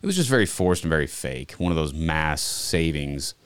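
A man from Montana, a podcast guest telling relaxed, rambling stories from his childhood in casual chat. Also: extremely low pitch, moderate pace, clear, resonant tone, dry recording. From Montana, USA.

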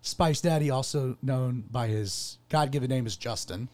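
Speaking into a studio mic, a pastor hosting a radio program rambles cheerfully with plenty of fillers as his lost voice keeps cracking. He has a medium-pitched, darkish voice and talks at a normal speed.

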